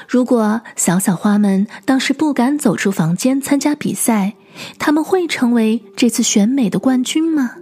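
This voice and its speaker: A woman storyteller reading to children in a gentle, lilting, expressive way. Her voice is fairly high and a little breathy. Faint music plays softly behind her. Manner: gentle, expressive, sing-song narration.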